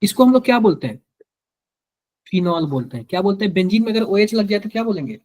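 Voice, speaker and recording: A man's voice: sits high, animated, fast talker, darkish tone. A man with a Hindi accent teaching chemistry to a live class, quizzing students and repeating each answer to drill it in.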